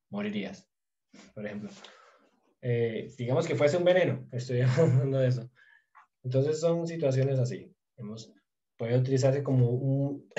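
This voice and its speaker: Man, language teacher, online lesson, mellow voice, lo-fi sound, lots of fillers. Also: medium pitch. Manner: thinks aloud with many fillers; slow, drawn-out drilling of conjugations. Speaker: Turkish teacher.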